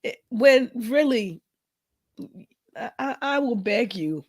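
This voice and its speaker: Tired raspy woman podcast host and coach, higher voice, dry close sound. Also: lively intonation, slow, dry recording. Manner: enthusiastic, warmly encouraging. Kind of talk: casual podcast chat.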